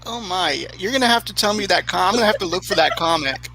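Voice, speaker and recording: A woman chatting on a livestream, reacting with quick, curious questions. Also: lowish voice, expressive, pushed and bright. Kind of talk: casual group chat.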